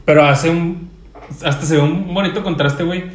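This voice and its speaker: A man's voice: on the high side, steady tone, moderate pace, roomy sound. A young man with a Mexican Spanish accent, chatting casually and teasingly with a friend, ending nearly every phrase with slang filler. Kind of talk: casual chat.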